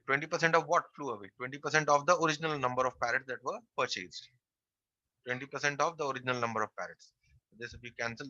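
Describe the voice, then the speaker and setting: A man's voice: medium pitch, bright, forceful tone, no room sound, highs cut off. A man teaching a math class online, working through a percentages problem step by step and repeating the key phrases.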